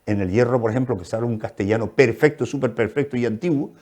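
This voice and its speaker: A man's voice: medium pitch, quick pace, darkish tone. A man from the Canary Islands with a Canarian accent, an author being interviewed on a television program, who tells stories with animation and acts out the voices he quotes. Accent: Canarian Spanish. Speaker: author guest. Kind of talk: interview conversation. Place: TV studio.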